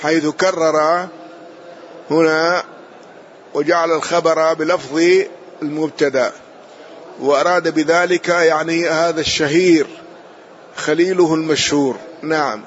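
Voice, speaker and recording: Man explaining a text slowly. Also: on the high side, fairly even intonation, a bit bright. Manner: measured explanation, repeats and rephrases, closes points with a short affirmation. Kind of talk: classical text lesson, explaining line by line. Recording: muffled lo-fi audio with faint hiss.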